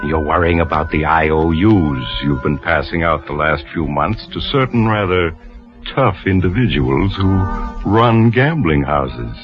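An actor playing a sinister, knowing mystery host who narrates an old radio thriller in a theatrical, ominous manner. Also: male voice, a bass voice, expressive, unhurried. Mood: grim, knowing. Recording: muffled old radio recording with loud music.

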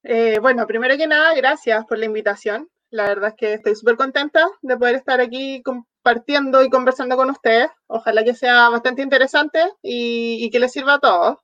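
A woman's voice: fairly high pitch, fairly even intonation, brisk, hardly any pauses, a bit bright, no echo, muffled recording. A woman from southern Chile with a Chilean accent, a veterinarian guest answering interview questions in a friendly, explanatory way with frequent fillers. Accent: Chilean Spanish. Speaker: veterinarian product manager guest. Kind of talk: online interview.

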